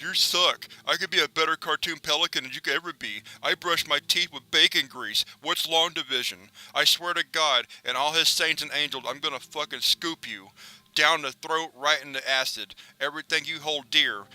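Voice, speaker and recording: A man's voice: fairly high pitch, sharp tone, rough recording. A man voicing a vicious, foul-mouthed male cartoon pelican who hurls profane threats and taunts in a horror story reading. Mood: taunting.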